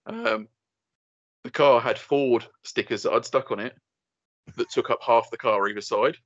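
Unhurried and medium in pitch, a young man co-hosting a podcast trades casual banter, telling sweary, rambling stories and laughing frequently. The recording is dry, dull, and lo-fi.

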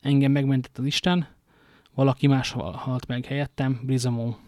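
A man's voice: medium pitch, flat delivery, dark tone, dry recording, clean studio sound, close to an everyday voice. A man reading the part of a fierce young male musketeer making a formal accusation. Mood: accusing.

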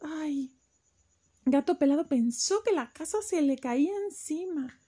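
A woman telling a children's story to a child, animated and full of sound effects. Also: sits high, unhurried.

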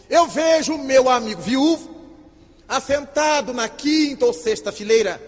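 Male lecturer, high voice, comic storyteller who acts out the dialogue, long hall reverb. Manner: lively, self-mocking, acts out the dialogue. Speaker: speaker at a spiritist gathering.

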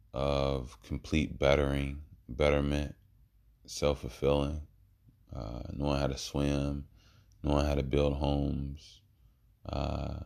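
A man giving a rambling, reflective monologue in a halting way, with trailing pauses. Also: a bass voice, gravelly, a little mellow.

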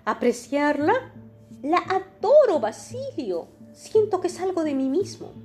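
A vain, anguished young man, read by a woman, pleads in a high, strained voice that leaps upward. The tone is mellow and dark underneath, with soft music in the back of this storybook reading. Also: lively intonation, measured pace. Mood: passionate. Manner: pleading, rising to high anxious outbursts.

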